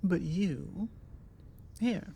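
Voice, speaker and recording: A British-accented woman plays a bold, self-assured female vampire in an intimate ASMR roleplay, teasing and coaxing the listener with deliberate pauses in a one-sided conversation. Her voice sits fairly low, and steady outdoor ambience with birdsong adds slight background noise.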